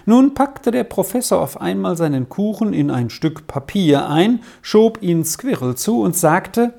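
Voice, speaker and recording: A woman narrating a storybook with calm, expressive storytelling. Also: fairly low pitch, creaky. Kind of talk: storybook reading.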